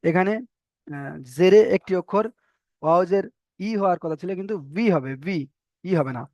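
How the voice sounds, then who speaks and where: A man teaching an online reading class, slowly drilling letter sounds and repeating syllables for his students. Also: sits high, no room sound, dull audio. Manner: slow, repetitive drilling of syllables with pauses.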